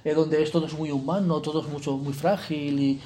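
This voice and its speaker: A man's voice: fairly high pitch, flat delivery, a little fast, dark tone, a little hiss or hum. Chatty man leading a retreat. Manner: conversational, peppers sentences with "¿eh?" and "¿no?"; jokey asides. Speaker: retreat leader. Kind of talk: informal spiritual retreat talk.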